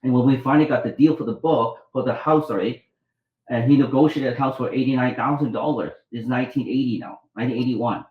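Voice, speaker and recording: A middle-aged Vietnamese doctor and author tells his life story as an interview guest, rambling with many restarts and acting out quoted dialogue. His mid-range voice moves at a quick pace. The phone-quality audio comes from an echoey room.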